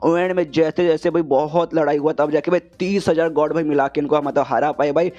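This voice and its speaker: Fast-talking man in a chatty comic recap. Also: a little high, fairly even intonation, mellow, lo-fi sound. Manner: chatty, says "bhai" in nearly every line. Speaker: manhwa recap narrator. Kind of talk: casual story recap.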